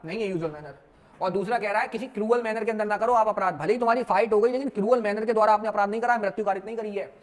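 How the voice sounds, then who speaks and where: High-voiced man teaching law. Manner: storytelling, mixing Hindi and English, asks students questions. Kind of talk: exam lecture.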